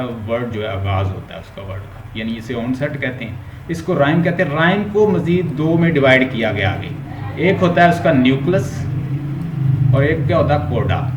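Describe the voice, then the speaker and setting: Man teaching phonetics in an echoey room. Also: fairly high pitch. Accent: Pakistani Urdu. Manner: explains step by step, mixes English terms into Urdu. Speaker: linguistics teacher. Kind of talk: online lecture. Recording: roomy echo, faint background hum.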